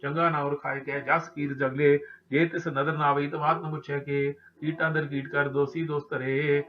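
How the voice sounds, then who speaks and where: A man with a Punjabi accent reciting Sikh scripture in a steady chant, pausing to instruct the congregation earnestly. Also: a little high, slight background noise. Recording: dull lo-fi recording.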